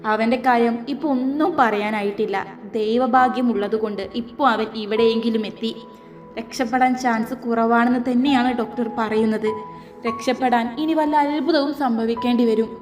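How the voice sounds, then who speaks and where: A woman's voice: fairly high pitch, steady tone, normal speed, big-room sound, close to an everyday voice. A woman voicing a worried man who gives grave news in a somber, subdued way, faint music behind.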